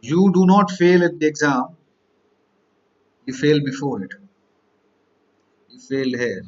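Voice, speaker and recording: A man's voice: fairly high pitch, lively intonation, slow pace, muffled recording. A man, teaching exam candidates in a motivational lecture, stacking up rhetorical questions and repeated lists.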